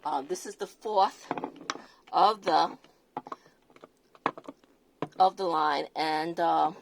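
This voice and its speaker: A woman with a non-native English accent reviews perfume in a casual product review vlog, sounding hesitant and full of fillers and restarts. Her voice is fairly low in pitch, with slight background noise.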